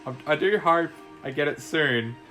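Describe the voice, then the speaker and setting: A man's voice: on the high side, moderate pace, pushed and bright. A young man chatting casually as he plays and commentates a video game, rambling and laughing easily. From Australia. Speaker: gaming YouTuber. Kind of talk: casual commentary while playing. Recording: faint music behind.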